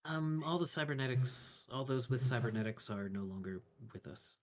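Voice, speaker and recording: A man narrating a tabletop role-playing game as game master, improvising in a halting, thoughtful way. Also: medium pitch, animated.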